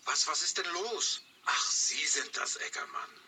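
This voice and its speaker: A man's voice: a little high, animated, measured pace, bright, forceful tone, slight background noise, full character voice. An actor playing a vain, forgetful, womanizing poet who keeps mixing up names and brushing off complaints. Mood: breezy. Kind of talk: radio play for language learners.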